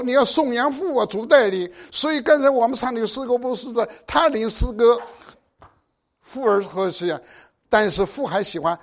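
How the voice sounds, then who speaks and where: High-voiced older preacher, exhorting. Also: male voice. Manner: exhorting, with pointed rhetorical questions. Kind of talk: sermon.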